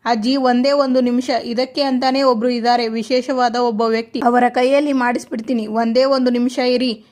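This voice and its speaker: A woman's voice: a little high, little pitch movement, normal speed, darkish tone, natural voice. A woman voicing a fussy modern young woman pleading with her grandmother. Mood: whiny. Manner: whiny, pleading.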